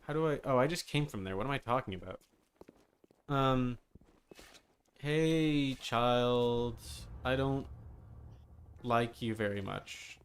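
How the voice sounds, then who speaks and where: Over game music, a man streams a video game and gives casual live commentary, rambling and getting sidetracked easily. His smooth, medium-pitched voice moves slowly, with long pauses.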